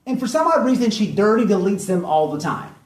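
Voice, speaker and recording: A man's high voice swings widely in pitch and moves fairly quickly as he hosts online drama commentary, mocking bluntly and pressing his points with repetition. The echoey room recording, made from a distant mic, carries a little hiss or hum.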